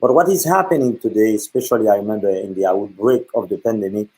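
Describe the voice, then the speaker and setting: Earnest priest, low voice. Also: male voice, a little mellow, low-quality recording. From Haiti. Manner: earnest, with many pauses and fillers. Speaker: guest speaker. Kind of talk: reflective talk on faith.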